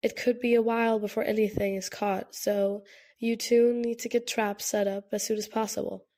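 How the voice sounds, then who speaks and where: A woman's voice: mid-range voice, little pitch movement, normal speed, mellow, close to an everyday voice. A woman voicing a stubborn, protective young man in an audiobook, insistent and apologetic. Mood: determined.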